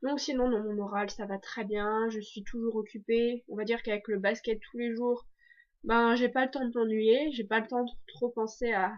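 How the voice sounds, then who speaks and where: A teenage girl from France chats through her video diary, her voice sitting a little high. She talks loosely, full of fillers and restarts. The sound is dull and lo-fi. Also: level tone, normal speed. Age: teens. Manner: chatty, many fillers and restarts. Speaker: exchange student vlogger.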